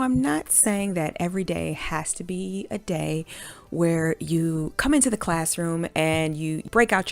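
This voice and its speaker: A woman's voice: mid-range voice, creaky, dry recording. A woman teacher giving classroom tips in a casual, conversational way, often repeating words as she goes. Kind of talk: chatty instructional video talk.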